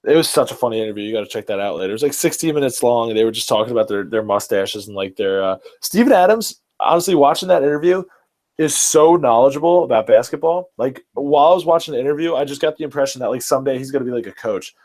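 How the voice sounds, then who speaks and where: A man's voice: medium pitch, expressive, quick pace, darkish tone. Enthusiastic young man chatting sports. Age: early 20s. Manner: enthusiastic, rambling, fillers and restarts. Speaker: podcast host. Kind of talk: casual sports chat.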